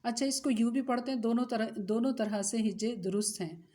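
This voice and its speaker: A woman's voice: on the high side, brisk, dark tone, roomy sound. A woman teaching tajweed with a Pakistani Urdu accent, explaining patiently and drawing out example words. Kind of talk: recorded recitation lesson.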